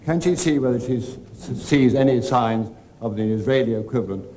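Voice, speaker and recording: Mellow man, formal parliamentary question. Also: mid-range voice, a little fast, low-quality recording. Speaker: member of parliament. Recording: faint background noise in chamber.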